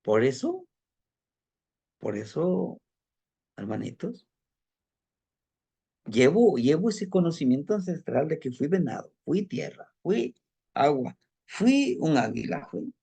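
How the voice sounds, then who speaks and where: A man's voice: fairly high pitch, big pitch swings, measured pace, vocal fry, warm tone, slightly rough. A man teaching a group about ancestral tradition, telling a student's story and asking his listeners rhetorical questions. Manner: storytelling, acting out a student's account; addresses listeners as brothers, asks rhetorical questions.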